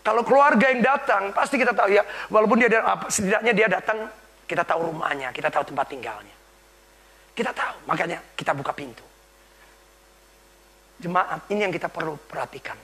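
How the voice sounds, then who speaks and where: A man preaches with a high, bright voice and a gravelly edge. He tells the story with drama, dropping to a hushed whisper one moment and shouting the next. The delivery is a full church sermon. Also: fairly quick. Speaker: pastor.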